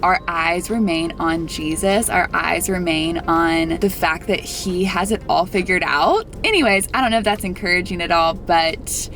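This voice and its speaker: A woman's voice: lowish voice, normal speed, hardly any pauses, fairly bright tone, slight background noise. A woman in her twenties from Florida, chatting upbeat and encouraging in a casual vlog. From Florida, USA. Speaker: vlogger.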